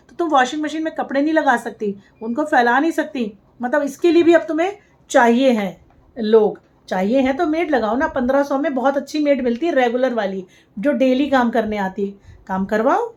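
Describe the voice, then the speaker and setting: A woman's voice: sits high, muffled recording. A woman making a reaction vlog, scolding and sarcastic, talking straight to the camera. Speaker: vlogger.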